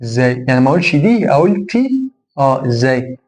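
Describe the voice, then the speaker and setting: A man's voice: medium pitch, very animated, a little mellow, rough recording. Egyptian man drilling English sounds. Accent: Egyptian Arabic. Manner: repeats words slowly for drilling, explanatory. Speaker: English pronunciation teacher. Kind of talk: phonetics lesson.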